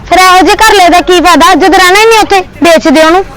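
A woman playing a sharp, angry young Punjabi woman. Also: very high voice, crowd noise, low-quality recording. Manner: sharp, confrontational, fast retorts. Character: angry young woman demanding her boyfriend leave his mother. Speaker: girlfriend. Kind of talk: short film acting.

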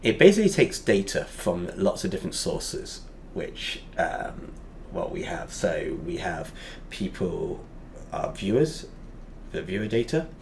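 A man teaching a lesson over a whiteboard drawing, explaining step by step and pausing often with fillers. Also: deep voice, sing-song, darkish tone, a little hiss or hum.

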